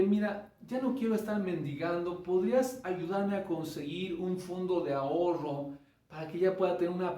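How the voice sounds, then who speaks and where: A man's voice: fairly high pitch, warm tone. A preacher voicing Bartimeo, a poor blind beggar man who asks humbly for help, heard in an echoey room from far off. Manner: pleading, humble.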